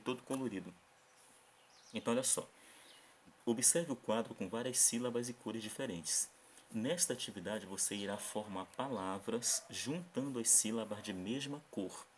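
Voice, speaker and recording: A man's voice: on the low side, a little hiss or hum. A Brazilian man teaching a recorded remote class, patiently explaining a worksheet and checking in with short tag questions after nearly every phrase.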